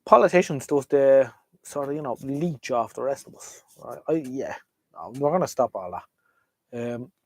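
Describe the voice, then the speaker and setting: Irish man, mid-pitched voice, casual livestream chat, hesitant and rambling, close dry sound. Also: lively intonation, moderate pace, gravelly, dry recording. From Ireland. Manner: hesitant, trailing off and jumping between thoughts. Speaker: livestream host chatting with viewers about vintage radios.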